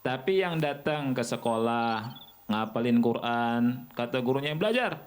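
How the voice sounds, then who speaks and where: A man from Indonesia teaching a religious lesson to children, asking them questions and answering them himself in an animated way. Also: mid-range voice, a little slow.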